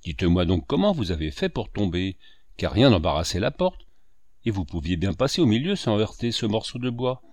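A man reads a village priest in a low, grave voice with lively inflection. The priest questions gently but firmly. The sound is dry and close. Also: a little fast, no room sound. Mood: kindly. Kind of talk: audiobook character reading.

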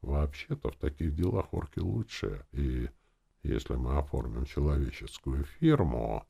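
A man's voice: a bass voice, very animated, a little slow, creaky, dark tone, slightly rough, full character voice. Guy doing a polite nervous druid, kinda uptight. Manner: courteous, nervously insistent. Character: polite, wary male druid chief. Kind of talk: audiobook character voice.

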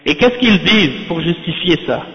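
A man teaching a religious lesson who often asks "Hein?" to check on his listeners and recites Arabic passages rapidly. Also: high-pitched, expressive. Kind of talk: religious lecture explaining a text. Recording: echoey hall, dull lo-fi sound.

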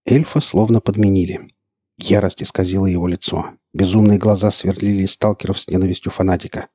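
Low dark husky male narrator. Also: fairly even intonation, fairly quick, no echo. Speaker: audiobook narrator. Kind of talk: scripted narration.

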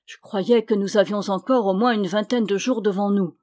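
A woman reading the lines of a blustering, swearing medieval knight, loud and exclamatory. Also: medium pitch, normal speed, lightly acted.

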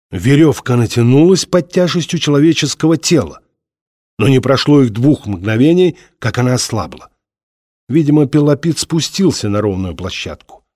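A man reading an audiobook in a measured, dramatic manner. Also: mid-range voice, darkish tone, no echo, clean studio sound. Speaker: audiobook narrator. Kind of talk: scripted narration.

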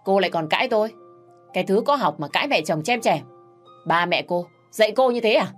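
A woman's voice: on the low side, lively intonation, normal speed, soft background music. A woman voicing a nagging, bitter middle-aged mother-in-law who scolds and accuses. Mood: scolding.

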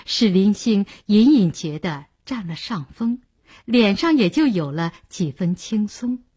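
A woman narrating an audiobook in an expressive storytelling manner, with a breathy voice. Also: mid-range voice, measured pace. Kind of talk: scripted narration.

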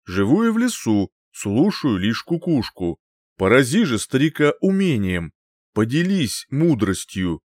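A wise old male singer-sorcerer, slow and measured, mocking his rivals with quiet scorn, as a man puts him on. The voice rises a little above the storyteller's own and swings widely in pitch. It sounds close and dry, like a storybook being read aloud. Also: big pitch swings, dry recording. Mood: calm. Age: older.

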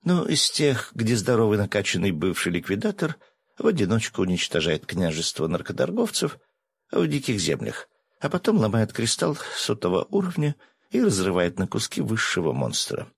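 A man reading an audiobook, voicing a skeptical, sharp-tongued young woman. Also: on the low side, wildly swooping pitch, moderate pace, vocal fry, slightly rough, pitched above the performer's own voice, exaggerated voice. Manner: dry, skeptical.

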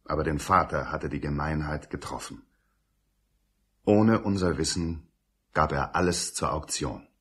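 Radio play narrator, very low husky voice, grave storytelling. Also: male voice, measured pace, a bit bright, heavily acted. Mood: grave, wistful. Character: man recounting his own family's sad past. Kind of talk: dramatic scripted narration.

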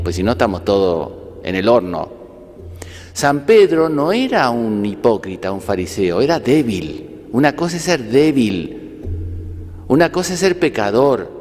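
Male priest, relaxed homily with asides and dry humor, long church-hall reverb. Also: medium pitch. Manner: conversational, with asides and rhetorical questions; gently humorous.

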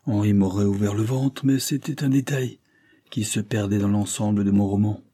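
Guy reading ironic worldly gentleman from an old novel, dark husky voice, low-ish. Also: steady tone, no echo, natural voice. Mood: musing. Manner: dry, ironic, measured. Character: sardonic worldly young male gentleman.

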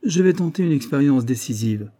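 A man's voice: mid-range voice, expressive, brisk, mellow, pitched above the performer's own voice, natural voice. A man voicing an emphatic male investigator who lays out the truth of a crime, his voice raised and pressing. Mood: calm resolve. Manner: emphatic, probing, raised and tense. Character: sharp, insistent male investigator unveiling a crime.

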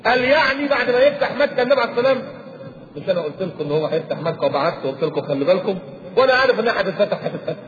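A man with an Egyptian accent preaches at a rapid clip in a fairly high voice. He acts out little exchanges between people with humor and drive. The recording is dull, lo-fi tape with plenty of room echo. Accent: Egyptian Arabic. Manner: lively, acts out dialogues with humor. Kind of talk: religious lecture. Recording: roomy, dull lo-fi lecture tape.

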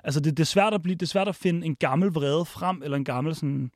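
A man guest telling restaurant stories in casual chat, animated, with many restarts and acted-out quotes. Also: a little high, no echo, clean studio sound. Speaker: podcast guest, restaurant worker. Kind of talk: casual storytelling.

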